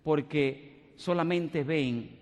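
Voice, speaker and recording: A man's voice: a little high, very slow, a little mellow. Preacher man in a reverberant church. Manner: joyful, storytelling preacher who laughs as he preaches. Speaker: pastor. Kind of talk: sermon. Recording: long reverb of a church hall.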